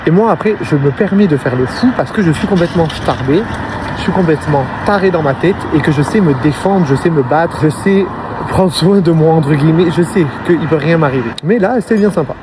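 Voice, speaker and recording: Young guy, animated slangy storyteller, bit high voice, city traffic behind. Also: fairly quick. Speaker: vlogger. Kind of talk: storytime monologue to camera. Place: outdoors on a city street at night. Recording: traffic noise outside.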